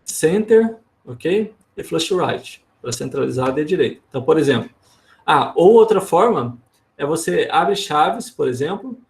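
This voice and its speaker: Gravelly-voiced man teaching an online workshop. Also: fairly high pitch, big pitch swings, a little slow. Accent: Brazilian Portuguese. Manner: casual, explanatory, frequent tag questions. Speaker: instructor.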